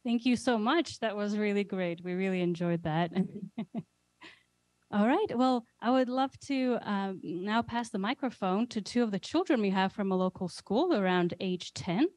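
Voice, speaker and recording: A woman's voice: medium pitch, a little slow, darkish tone, no echo. A woman hosting an event, speaking unscripted in a friendly, polite and appreciative way. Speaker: event host and moderator.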